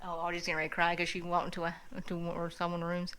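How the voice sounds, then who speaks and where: Brief: excited woman vlogger on a handheld camera, gushing tour of a historic house, hot and sweaty. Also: lowish voice, very fast, clean tone, low-quality recording. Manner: excited, gushing, lots of "like" and "oh my God". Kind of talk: walking tour vlog. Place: historic house museum, indoors.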